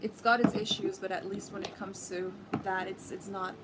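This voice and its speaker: Chatting with her livestream viewers, this young woman from Iran speaks at a normal speed in a steady, medium-pitched tone, with many fillers. Farsi is her native language, and heavy background noise fills her living room, where a red sofa stands.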